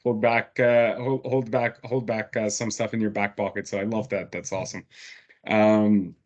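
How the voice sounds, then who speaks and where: A man hosting a webinar interview on a video call, enthusiastic and quick to affirm his guests. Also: lowish voice, level tone, dull audio. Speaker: host.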